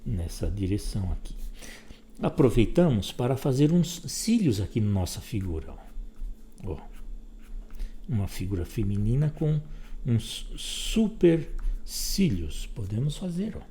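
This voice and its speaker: A man's voice: on the low side, big pitch swings, moderate pace, long pauses, warm tone. A man teaching a step-by-step drawing lesson, giving patient instructions while he sketches.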